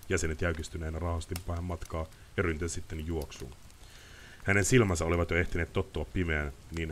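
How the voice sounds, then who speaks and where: A man's voice: extremely low pitch, a little hiss or hum. A man reading a novel aloud on a live stream, with casual asides. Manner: lively reading with chatty asides. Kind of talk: audiobook-style reading.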